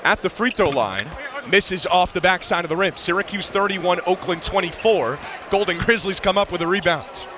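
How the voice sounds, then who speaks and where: Courtside in a big indoor arena, a man with a high-pitched voice calls basketball play-by-play at normal speed. His clipped, vivid narration tracks the action moment by moment, with loud crowd noise and a bouncing ball behind him.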